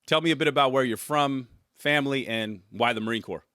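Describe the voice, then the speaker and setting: A man's voice: medium pitch, a little fast, pushed and bright, dry recording, studio quality. A man hosting a podcast interview, speaking casually and calling his guest brother and man. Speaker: podcast host.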